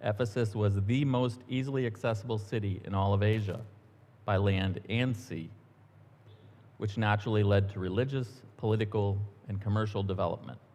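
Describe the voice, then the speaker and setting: A middle-aged man giving a relaxed, conversational sermon in church, telling stories with the odd um and aside. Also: fairly low pitch, moderate pace. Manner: relaxed, storytelling, a few ums and asides. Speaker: church minister. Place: church sanctuary. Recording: long church-hall reverb.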